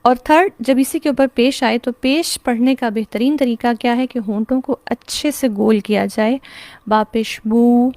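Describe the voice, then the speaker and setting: Patient female tajweed teacher, Pakistani Urdu accent, slightly high voice, online class. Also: warm tone, dry recording. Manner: patient, explains step by step with questions and answers. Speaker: Quran recitation teacher.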